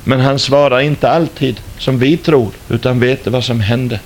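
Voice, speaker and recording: An older man, once a stage entertainer, tells his religious testimony as a dramatic storyteller fond of rhetorical questions. His mid-range voice is steady, with slight background noise.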